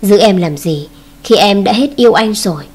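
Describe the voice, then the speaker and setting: A cool, dismissive young man, as a woman narrator reads his lines. He speaks coldly and firmly. The voice is husky and stays at a middle pitch. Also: lively intonation, normal speed, darkish tone. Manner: cold, dismissive.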